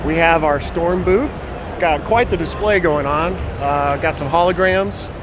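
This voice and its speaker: Higher-voiced man hosting from a convention hall. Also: measured pace. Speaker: booth tour host and interviewer. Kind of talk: casual vlog interviewing at a convention hall. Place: convention hall trade show booth. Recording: busy convention hall, music behind. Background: music and expo hall bustle.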